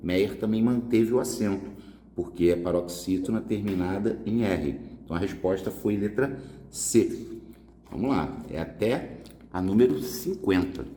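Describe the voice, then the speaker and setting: A man's voice: on the low side, measured pace, dark tone, slight background noise. A man teaching a casual exam prep grammar lesson, explaining step by step and answering his own questions. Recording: echoey room with long reverb.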